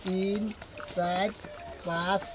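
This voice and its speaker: A performer playing a sly village friend with a rural Bangladeshi Bengali accent, smoothly reassuring the husband in a comedy skit. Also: medium pitch, little pitch movement, drawn-out words. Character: sly village friend who steals the quilt.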